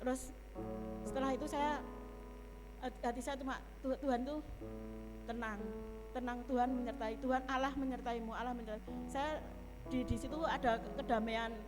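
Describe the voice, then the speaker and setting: High-voiced Javanese woman giving testimony. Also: steady tone. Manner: heartfelt, halting, repeats herself. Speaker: church member giving testimony. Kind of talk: emotional spoken testimony. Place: church hall. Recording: long reverb of a hall, music behind.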